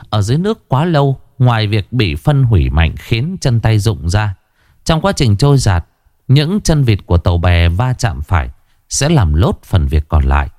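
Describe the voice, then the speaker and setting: A man narrating a crime story in an expressive storytelling manner. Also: on the low side, dry recording, studio quality. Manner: expressive, animated delivery.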